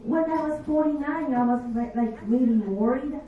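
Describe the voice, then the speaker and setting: A woman in her fifties, not a native English speaker, doing a stand-up comedy set with slow, deadpan, self-mocking delivery. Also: high voice. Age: 50s. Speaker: stand-up comic. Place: comedy bar stage. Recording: echoey bar room, distant dull mic.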